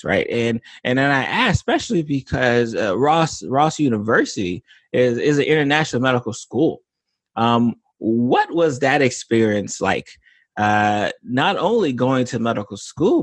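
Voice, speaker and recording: A man's voice: mid-range voice, dry recording. A man hosting a podcast interview, talking casually and rambling with many restarts and fillers. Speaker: podcast host, physician.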